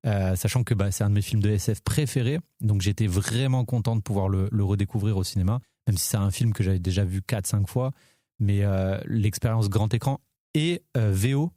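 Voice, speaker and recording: A man's voice: fairly low pitch, a little fast, mellow, no echo, clean studio sound. A man co-hosting a casual film podcast, talking enthusiastically with lots of fillers and restarts. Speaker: podcast co-host.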